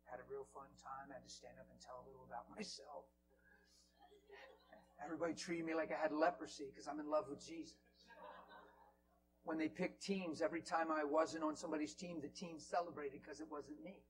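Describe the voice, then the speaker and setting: A man preaching in a church, telling a story with sudden drops into whispers and bursts of loud exclamation. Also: fairly high pitch, fairly even intonation, brisk, background noise. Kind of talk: sermon storytelling. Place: church hall.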